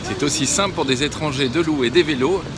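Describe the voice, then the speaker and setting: A man's voice: fairly high pitch, fairly quick, noisy background. A man from France presenting a travel vlog, talking casually to the camera and addressing his viewers. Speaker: family travel vlogger.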